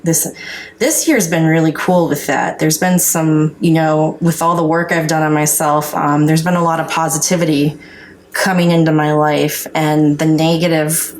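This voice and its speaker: In a low voice with little pitch movement and a normal pace, a woman with a North Dakota accent tells her recovery story as a podcast guest. She's frank and earnest, chatting casually with some salty language, and there's a little hiss or hum in the background.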